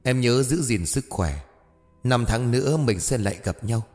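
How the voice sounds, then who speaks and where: A male narrator voicing a gentle, mysterious young man who speaks softly and tenderly. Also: medium pitch, animated, moderate pace, in a large hall, faint music behind, close to an everyday voice. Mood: calm. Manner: soft, hushed and tender.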